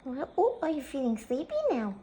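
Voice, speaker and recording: A woman talking softly to her pet at bedtime in doting, sing-song baby talk. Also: high-pitched, sing-song, fairly quick. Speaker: pet owner.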